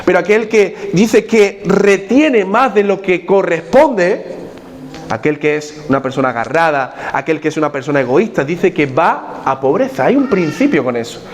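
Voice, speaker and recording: A Spanish-pastor with a rather high voice delivers a sermon in a church. He asks his listeners questions and drives his main points home by repeating them. A faint hum of room noise sits under his voice. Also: lively intonation, normal speed. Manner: questions the congregation directly, repeats key points.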